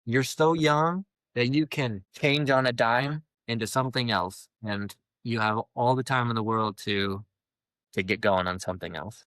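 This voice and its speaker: A young man of medium pitch offers earnest, reflective life advice during a casual podcast chat. His voice comes through dry and close, with no reverb. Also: normal speed, fairly bright tone. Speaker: podcast co-host.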